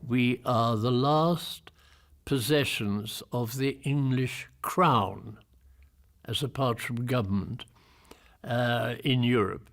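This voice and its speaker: An older man from Jersey recalling the past in an interview, speaking deliberately and wryly. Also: mid-range voice. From Jersey, Channel Islands. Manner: slow, deliberate, wry. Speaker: eyewitness interviewee. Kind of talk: recollection in an interview.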